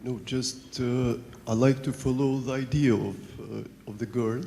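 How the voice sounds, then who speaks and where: A journalist in a conference audience, a man with a gravelly voice. He speaks haltingly and earnestly, searching for his words. His handheld mic echoes with a long hall reverb. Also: medium pitch, steady tone, dark tone. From Albania. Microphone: handheld microphone.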